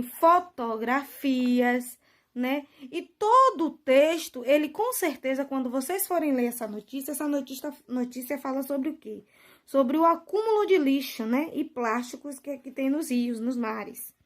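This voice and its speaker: A woman teacher, giving a lesson to children, drawing out example words slowly and often checking that they follow. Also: high-pitched, expressive. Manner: slow drawn-out stress on example words, frequent "né?" and "tá bom?" checks.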